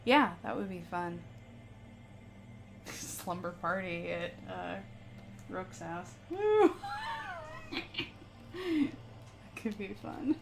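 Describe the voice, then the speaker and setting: A woman's voice: lowish voice, fairly even intonation, slow pace, vocal fry, long pauses, a bit bright, soft background music. A woman streaming live while she paints, chatting casually with viewers in a rambling way and laughing often.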